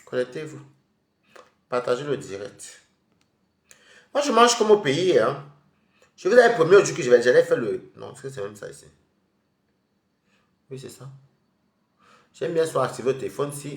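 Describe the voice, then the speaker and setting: A man with a head cold chats casually with live stream viewers from home while eating, rambling and talking straight to them. His mid-pitched voice is very animated, moderately paced, and full of frequent pauses. The room sounds reverberant.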